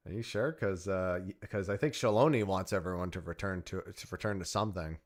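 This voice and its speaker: A man's voice: sits low, fairly quick. A man hosting a stream, talking casually in a group voice chat. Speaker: stream host.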